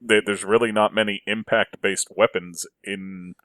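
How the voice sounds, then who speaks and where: Male podcast host, low voice, dry close sound, earnest arguer. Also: fairly even intonation, moderate pace, pushed and bright, no room sound. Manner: earnest, builds arguments, frequent restarts. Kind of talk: casual podcast chat.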